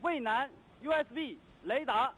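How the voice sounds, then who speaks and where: A man's voice: unhurried, bright, forceful tone, breathy edge. A man working as a launch control dispatcher, making formal, clipped mission control radio callouts. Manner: formal clipped procedural announcements. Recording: noisy radio loop with rumbling background.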